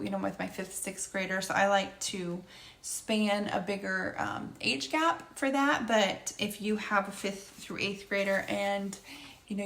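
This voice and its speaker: This homeschooling mom reviews a curriculum in a casual, off-the-cuff vlog, chatting and wandering from point to point. She has a medium, somewhat bright voice with a slight scratchiness and creak. The room echoes, and faint noise sits in the background.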